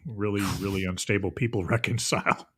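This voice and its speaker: A man's voice: fairly low pitch, steady tone, fairly quick, a bit bright, breathy edge. A man co-hosting a casual chat, throwing in sarcastic wisecracks. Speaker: co-host.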